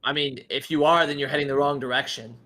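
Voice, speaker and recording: A man's voice: mid-range voice, fairly even intonation, fast talker, sharp tone, natural voice. A man playing a seven-year-old imp who is meek, eager to please and evasive, stammering when pressed. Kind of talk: in-character tabletop role-play.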